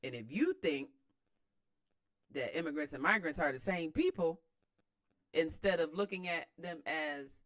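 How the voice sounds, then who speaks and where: With a fairly high pitch and fairly bright tone, this American man hosts a read-aloud and comments casually with strong opinions. His style is emphatic and slangy, repeating phrases for emphasis.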